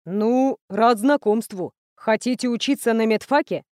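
A woman voicing a calm, polite male chief doctor. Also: on the high side, unhurried, no room sound, studio quality, natural voice.

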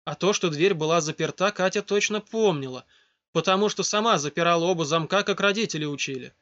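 A man reading a story aloud in a steady, scripted narration. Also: a little high, brisk. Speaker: audiobook narrator. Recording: dull lo-fi dry recording.

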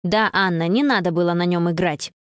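A woman's voice: medium pitch, normal speed, no echo, studio quality, lightly acted. A woman voicing a practical, matter-of-fact young girl in a storybook reading.

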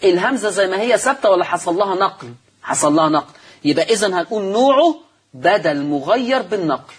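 A man's voice: high voice, animated, fast, husky. A man with an Egyptian accent teaching Quran recitation rules on a religious TV program, explaining step by step, asking and answering his own questions and repeating the key terms. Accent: Egyptian Arabic. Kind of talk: televised religious lesson.

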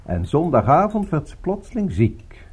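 In a radio drama, an actor voices a genteel male host who is courteous yet evasive, making unhurried, polite, urbane small talk. His voice sits on the high side, husky and sing-song, with a regretful, evasive mood.

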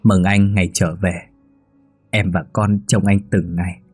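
A man voicing a remorseful young woman in a narrated ghost-story reading, speaking softly and pleadingly. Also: deep voice, little pitch movement, unhurried, breathy edge, no room sound, soft background music. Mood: tender.

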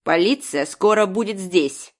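A woman's voice: medium pitch, lively intonation, unhurried. A woman voicing a stern, imperious old woman doctor. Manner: commanding, barking. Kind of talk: audiobook character voice.

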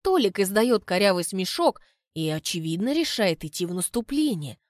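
A woman reading a first-person audiobook in an expressive way, going hushed in tense moments. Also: medium pitch, moderate pace, no echo, studio quality. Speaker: audiobook narrator.

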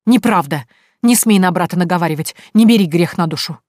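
A woman's voice: lowish voice, a little fast, darkish tone, dry recording, studio quality, close to an everyday voice. A woman reading an audiobook, voicing a tearful, spiteful and domineering older merchant's wife who wails and scolds. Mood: indignant. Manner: wailing, scolding, indignant.

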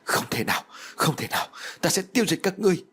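A man's voice: on the low side, very animated, brisk, slightly rough, faint music behind. Man voicing a ruthless old sorcerer. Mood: frantic. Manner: commanding, barking orders. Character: ruthless old male sorcerer, power-hungry.

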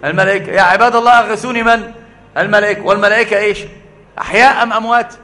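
A man's voice: high voice, steady tone, very fast, sharp tone, in a large hall. A man with an Egyptian accent explaining a book of religious creed, posing rhetorical questions and repeating his key phrases. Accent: Egyptian Arabic. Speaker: religious lecturer.

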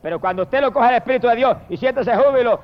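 On a dull lo-fi tape, a male evangelist from Puerto Rico preaches a fiery sermon in Puerto Rican Spanish with a high voice. His delivery is dramatic, swinging from long shouted hallelujahs to hushed, murmured prayers.

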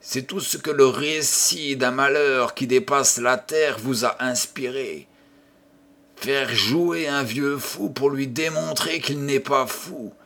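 A man reading an audiobook and voicing a tormented old gambler who swings from hushed whispers to furious outbursts. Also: medium pitch, slow pace. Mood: raging. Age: older. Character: raving old male gambler haunted by the devil.

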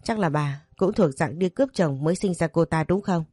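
A woman's voice: fairly low pitch, a little fast, dark tone, slightly rough, dry recording, studio quality. A woman voicing a furious, jealous young wife who hurls accusations in a hysterical way, in a storybook reading. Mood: accusing.

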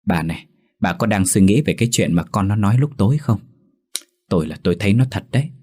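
A man's voice: fairly low pitch, expressive, fast, a little mellow, breathy edge. A man voicing a middle-aged village father who talks plainly and soothingly. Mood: calm.

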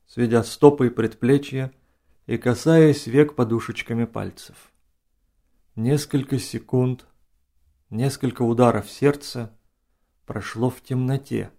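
Gravelly, dark-voiced male narrator. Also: medium pitch. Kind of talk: scripted audiobook narration.

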